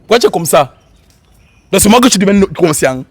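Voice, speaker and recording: A man argues and lectures at a rapid clip. His voice is husky and sits high for a man. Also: animated. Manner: argumentative, lecturing. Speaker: prank show host. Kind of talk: street prank confrontation.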